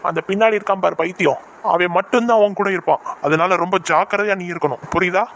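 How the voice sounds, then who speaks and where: A bumbling cartoon kidnapper, voiced by a performer, rambles on at an everyday mid pitch. He explains far too much and comes across as soft-hearted rather than menacing. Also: quick pace, lightly acted. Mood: explaining. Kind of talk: cartoon voice acting.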